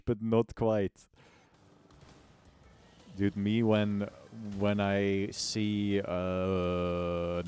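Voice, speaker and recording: This American man streams games and chats loosely, tossing out slang jokes and exaggerated fake complaints. His voice sits lowish, a bit mellow and clean, in a dry, studio-quality recording with music in the background.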